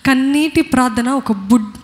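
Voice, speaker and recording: A woman's voice: high voice, moderate pace. A woman with a Telugu accent preaching a sermon, earnestly questioning her congregation. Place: church. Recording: long hall reverb.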